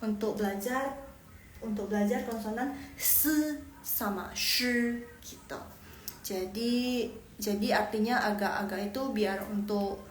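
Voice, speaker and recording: A fairly high-voiced woman teaches a live online Mandarin lesson, drilling syllables and tones over and over. She talks in a chatty way and often corrects herself mid-sentence. The recording sits in an echoey room with a faint hum of background noise.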